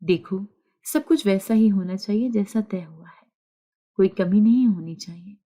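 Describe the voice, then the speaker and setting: A woman doing a bossy, spiteful older mother-in-law in an audio story, scolding and taunting her household in a soft, mellow voice. She sounds sharp-tongued and sure of herself. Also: medium pitch, close to an everyday voice. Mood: scheming.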